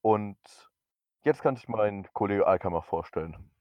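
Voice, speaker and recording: Relaxed young man, low dull voice. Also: unhurried, no echo. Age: 20s. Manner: relaxed, hesitant with fillers. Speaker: podcast co-host. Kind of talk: casual podcast chat. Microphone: new podcast microphone.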